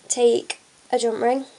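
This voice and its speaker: A young woman, stuffed up from a cold, chats through a craft tutorial at a table indoors, hands on camera, talking as she works and filling gaps with ums. Her fairly high voice has a dark tone, and the audio is poor.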